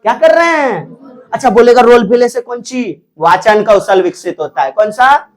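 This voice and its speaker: A man's voice: very high voice, lively intonation, normal speed. A male teacher giving an exam-prep lecture, drawing out words and repeating key terms.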